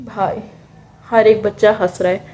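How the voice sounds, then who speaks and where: A woman's voice: medium pitch, measured pace, slight background noise. A young woman with an Indian accent telling a personal story in a casual, chatty way. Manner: chatty, animated, mixes English words into speech. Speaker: vlogger.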